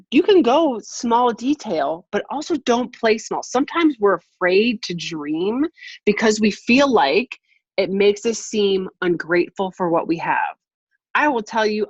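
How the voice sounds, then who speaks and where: Over video, a female life coach runs a group session in an upbeat, motivational and encouraging manner. Her voice sits in the mid-range, there's no room sound, and the lo-fi call audio is a bit muffled.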